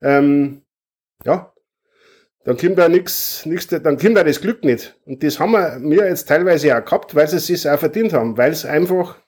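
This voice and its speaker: A man's voice: fairly high pitch, expressive, moderate pace, a little mellow, breathy edge. Man, hesitant and filler-heavy. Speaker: stadium announcer guest. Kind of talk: casual chat.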